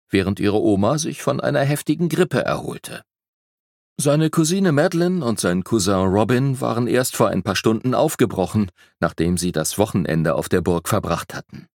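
A man narrating a children's fantasy audiobook as a lively storyteller, shifting his pitch for emphasis. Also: vocal fry, no echo, clean studio sound.

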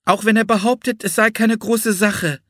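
A man voicing an eager, excitable young girl in an audiobook, high and urgent. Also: moderate pace, no room sound, clean studio sound. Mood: earnest. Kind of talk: audiobook character voice.

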